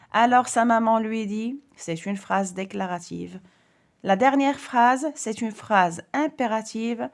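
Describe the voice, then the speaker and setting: A woman teaching a grammar lesson to primary school children, speaking carefully and stressing each example sentence. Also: medium pitch.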